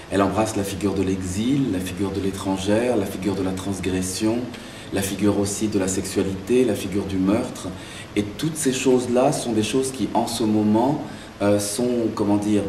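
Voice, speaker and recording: A man with a lowish voice gives reflective interview answers, often restarting his sentences as he hunts for the right word. He sits some way from the microphone in an echoey room with a faint hiss underneath. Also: mellow. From Belgium and Zaire. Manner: thoughtful, searching for words with many restarts. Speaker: playwright and director interviewed. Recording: echoey room, mic far off.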